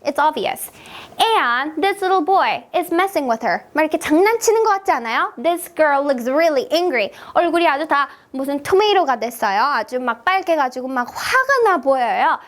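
A woman's voice: high voice, sing-song, unhurried, a bit bright. A woman teaching English to children in a playful, sing-song way, with exaggerated gasps and cheerful prompts. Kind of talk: children's language lesson.

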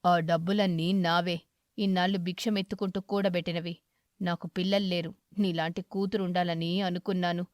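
Woman doing low-voiced kind old eagle beggar, slow and soft, cartoon tale. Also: little pitch movement, no room sound, clean studio sound, close to an everyday voice. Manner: slow, soft-spoken and pleading.

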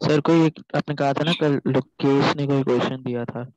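A man's voice: mid-range voice, steady tone, moderate pace, darkish tone. A male student politely asking his teacher questions during a class. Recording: dull lo-fi sound.

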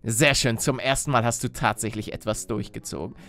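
Man putting on a disguised deep voice. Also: fairly even intonation, a little fast, gravelly, a bit bright. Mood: dry. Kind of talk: Minecraft roleplay let's-play.

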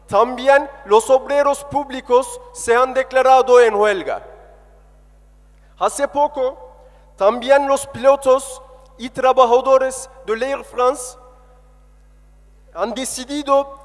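High-pitched man orating in an echoey hall. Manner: declamatory, impassioned oratory in short emphatic phrases. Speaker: political activist giving a speech at a rally. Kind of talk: political rally speech. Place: indoor hall at a public meeting, speaking from a lectern. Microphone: stand microphone at lectern through PA. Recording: echoey hall, long reverb.

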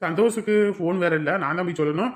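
A woman playing a dutiful village man, firm, reassuring and quick to anger. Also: lowish voice, natural voice. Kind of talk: village drama acting.

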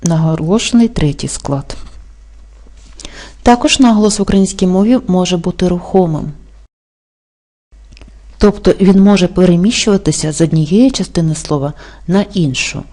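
A woman teaching an exam-prep language lesson, explaining rules slowly and carefully and spelling out example words. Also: fairly low pitch, mellow. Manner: slow, careful dictation-like delivery.

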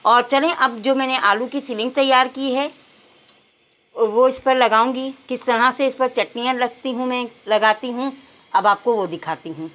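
A woman hosting a home cooking channel, explaining each step calmly to her viewers. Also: fairly high pitch, normal speed, poor audio. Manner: addresses viewers as "nazreen" again and again, calm instructive. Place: home kitchen.

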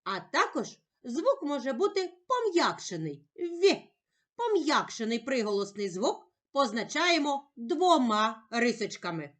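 A woman teacher speaking slowly and carefully in a sing-song voice, giving a reading lesson for young children. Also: high voice, big pitch swings, a bit bright. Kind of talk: slow, clearly articulated children's reading lesson.

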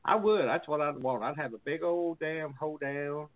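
A man's voice: on the high side, moderate pace, dry recording. A man hosting a casual interview podcast, swearing freely and stumbling through restarts. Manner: profane, rambling, stumbling restarts. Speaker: podcast host. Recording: tinny phone-like dry sound.

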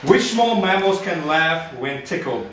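A young man hosting a challenge in casual, excitable, rowdy banter with friends. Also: on the high side, unhurried, reverberant. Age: young adult. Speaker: challenge host. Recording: noisy camera sound with clear background noise.

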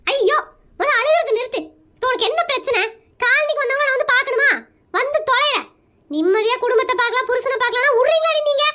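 In a cartoon, a woman voices a sharp-tongued village housewife in a very high, bright voice. She speaks quickly, brusque and matter-of-fact, scolding with little patience in this comedic role.

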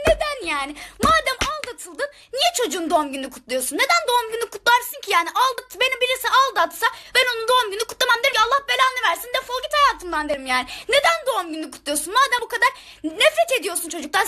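A woman's voice: very high voice, pushed and bright. A woman ranting angrily to her viewers in a live stream, exasperated and shaking with anger, firing the same questions again and again. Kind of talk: angry live-stream rant.

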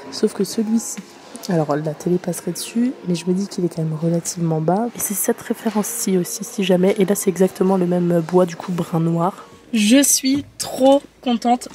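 A woman's voice: on the low side, moderate pace, dark tone, slight background noise. A young woman chatting casually to camera as a lifestyle vlogger, rambling and thinking aloud to her viewers. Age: young adult. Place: home living room, car and furniture store.

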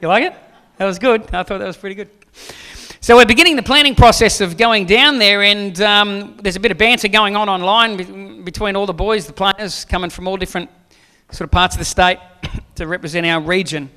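High-pitched, brisk and bright, his forceful tone carries the sermon. He is a man in his forties preaching with a handheld mic from a church stage, first trading jokes with the audience and then pressing questions on them.

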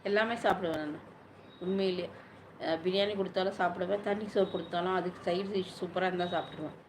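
A woman's voice: fairly low pitch, fairly even intonation, quick pace, a little hiss or hum. A woman chatting casually on a live stream, answering viewers' questions at length.

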